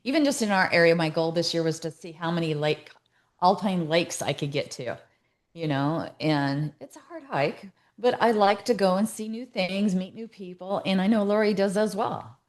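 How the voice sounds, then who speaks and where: A woman's voice: on the low side, normal speed. A woman hosting a podcast, chatty and enthusiastic as she welcomes listeners and asks questions. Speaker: podcast host.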